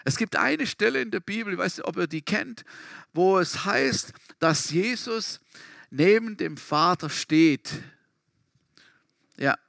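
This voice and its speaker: A man's voice: sits high, animated, slow, gravelly, a bit bright, dry recording, studio quality. A man preaching a sermon in a storytelling way, stressing points by repeating them. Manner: storytelling, emphatic repetitions.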